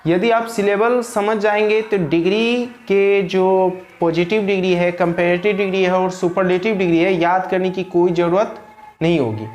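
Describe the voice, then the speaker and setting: A man's voice: high-pitched, fairly even intonation, normal speed, a little mellow. A man teaching an English grammar lesson, who keeps asking and answering his own questions and repeating key words for his viewers.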